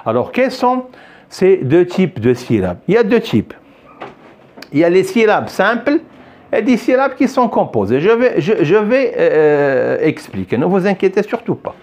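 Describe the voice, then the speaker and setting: An older man leads a pronunciation lesson at an unhurried pace, repeating key words and checking in with his pupils. His voice sits somewhat high and swings widely in pitch as he stresses each syllable. He praises and questions a young pupil along the way. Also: very animated, a little mellow, highs cut off. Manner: patient, repeats himself, checks understanding often. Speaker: French teacher. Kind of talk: recorded French pronunciation lesson.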